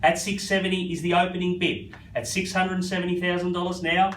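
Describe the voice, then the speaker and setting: High-voiced Australian male auctioneer, echoey. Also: little pitch movement, fairly quick, fairly bright tone. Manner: repetitive, addresses bidders by first name. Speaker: real estate auctioneer. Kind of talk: live auction patter. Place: live property auction. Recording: echoey, slightly distant, faint background noise.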